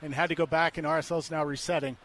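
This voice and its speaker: A man's voice: fairly high pitch, fairly even intonation, quick pace, a bit bright. An American man giving conversational, explanatory colour commentary on a live soccer match, with stadium noise behind him.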